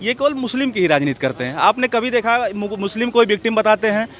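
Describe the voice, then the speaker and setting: A man's voice: sits high, quick pace, a bit bright. A man giving heated, combative political opinions as an interview guest, hammering his points and repeatedly calling for attention. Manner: emphatic, combative, keeps saying "look" and "listen".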